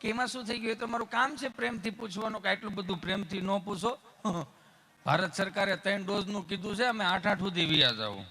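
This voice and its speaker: Young stage comic, high bright voice, faint music behind him. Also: male voice, a little fast. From Gujarat, India. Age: young adult. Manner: folksy, acts out characters in his stories. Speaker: stand-up comedian at a folk stage show. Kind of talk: stage comedy storytelling.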